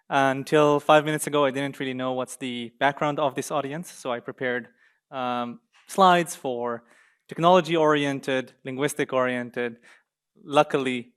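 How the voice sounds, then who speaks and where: A young man from Israel presents to a university seminar audience through a hall mic. He sits a little high for a man and keeps things lively with small jokes between points. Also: clean tone. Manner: lively, joking aside to the audience. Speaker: guest speaker. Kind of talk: conference talk with slides.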